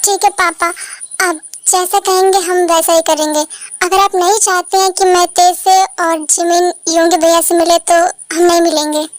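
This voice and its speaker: A woman voicing an anxious teenage daughter in a fan dub, very high voice. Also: fairly even intonation, moderate pace, no echo, clean studio sound, faint music behind. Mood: plaintive. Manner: plaintive.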